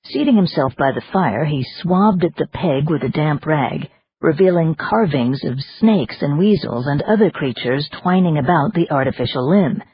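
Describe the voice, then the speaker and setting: An audiobook narrator reading a novel in a steady, even manner. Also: medium pitch, normal speed, a little hiss or hum. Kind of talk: scripted narration. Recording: dull lo-fi audiobook recording.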